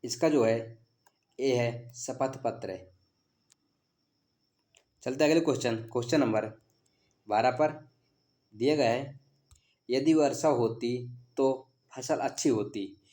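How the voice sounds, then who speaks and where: Male teacher, mellow tone, drills exam questions, repeats key answers back. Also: mid-range voice, takes it slowly, pauses often. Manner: quizzing, reads options then gives answers; repeats key words as a question to stress them. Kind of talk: exam practice lesson.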